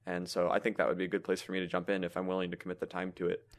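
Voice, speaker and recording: Lower-voiced man rambling in casual chat. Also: rapid-fire. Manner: animated, rambling storyteller. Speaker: podcast co-host.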